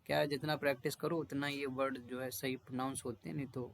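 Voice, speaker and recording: Speaking in Hindi, a man teaches English vocabulary, drilling pronunciation by repeating each word over and over and reading definitions slowly. His gravelly, mid-range voice barely moves in pitch, and he adds homely asides for his students.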